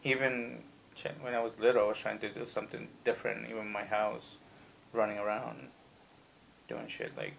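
A man in his thirties from Ecuador, a tattoo artist talking as a guest in a casual interview, telling animated, rambling stories with plenty of profanity. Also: on the low side, normal speed, creaky, slight background noise.

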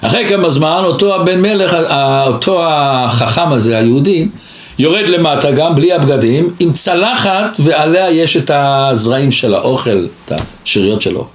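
Rabbi teaching the weekly lesson: fairly high, lively voice, roomy room sound. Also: male voice. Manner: storytelling, animated, quotes sources. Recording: roomy echo.

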